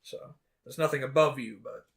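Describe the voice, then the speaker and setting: A man's voice: mid-range voice, moderate pace, creaky, fairly bright tone. A man narrating as dungeon master of a tabletop game, loose and rambling with many fillers.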